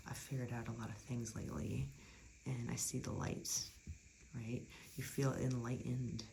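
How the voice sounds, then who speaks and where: A tarot reader talking through a card spread in a chatty, reassuring way, often dropping into soft near-whispers. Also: mid-range voice, vocal fry, a little hiss or hum, low-quality recording. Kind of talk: casual tarot reading.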